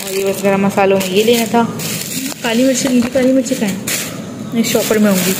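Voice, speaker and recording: There's noise in the background as this young Karachi vlogger, her accent Pakistani Urdu, chattily addresses viewers and shows off her things item by item in casual narration. Her mid-range voice stays steady and moves a little fast.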